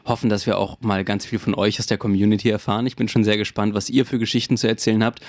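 Young man, low voice, frank podcast chat. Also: fast, no echo. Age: 20s. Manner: relaxed, laughs often, frank. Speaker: podcast co-host.

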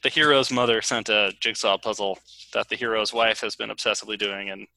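A man's voice: lowish voice, fairly even intonation, a little fast, vocal fry, bright, forceful tone, dry recording, rough recording. A man co-hosting a casual podcast, jokey and self-deprecating, laughing often. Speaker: podcast co-host.

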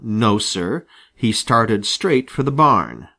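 Guy reading a kids animal story, voice bouncing up and down a lot, very expressive. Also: lowish voice, slow, creaky. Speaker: audiobook reader. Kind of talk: storybook narration.

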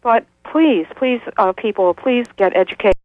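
A woman's voice: on the high side, unhurried, no room sound. A woman in her sixties calling in to a radio show over a clipped telephone line, insistent and lecturing, with frequent hesitations. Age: 60s. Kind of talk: call-in radio talk.

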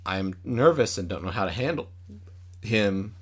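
A man's voice: lowish voice, expressive, a little slow, breathy edge. A man co-hosting a casual podcast at home, telling a story with lots of hesitation, ums and restarts. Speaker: podcast co-host. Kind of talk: casual chat. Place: at a table at home.

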